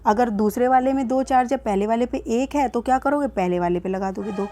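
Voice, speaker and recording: Casting: Indian-accented woman teacher, a touch high-pitched, patient worksheet walkthrough, rhetorical questions. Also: a little fast, warm tone, a little hiss or hum. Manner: patient, asks and answers her own questions, calls students "beta". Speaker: science teacher.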